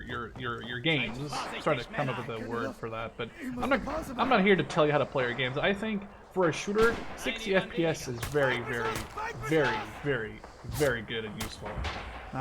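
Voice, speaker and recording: A Dutch man in his twenties hosts a gaming video, rambling casually through gameplay commentary, often correcting himself and swearing offhandedly. His voice is medium-pitched and gravelly.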